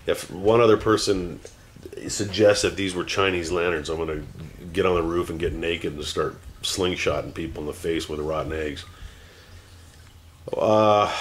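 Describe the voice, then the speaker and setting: At a measured pace and in a low voice, a male vlogger in his forties speaks to the camera at home without a script, with a bit of hiss or hum in the recording. He rambles with fillers and restarts, grows heated into a rant, and is teary-eyed.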